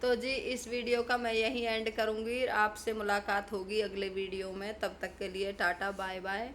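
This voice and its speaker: Woman vlogger ranting, scolding and preachy, normal pitch, a little faint background noise. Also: little pitch movement, moderate pace, a bit bright. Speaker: YouTube vlogger. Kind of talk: ranting commentary to camera.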